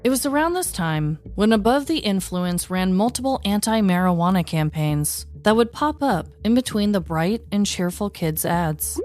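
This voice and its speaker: An American woman in her thirties hosts a podcast, narrating a scripted comedic story with wry, dramatic delivery. Her voice is mid-range and darkish in tone.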